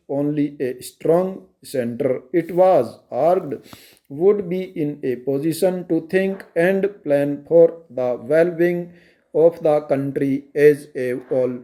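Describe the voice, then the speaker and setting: A man with an Indian accent reading a dictation aloud in measured, halting phrases for shorthand practice. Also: fairly high pitch, warm tone. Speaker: stenography dictation reader.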